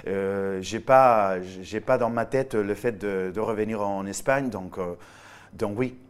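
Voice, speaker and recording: A Spanish man in his thirties speaking French with a Spanish accent, answering interview questions as a guest actor, animated and restarting phrases. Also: fairly low pitch, slow pace, clean tone. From Spain.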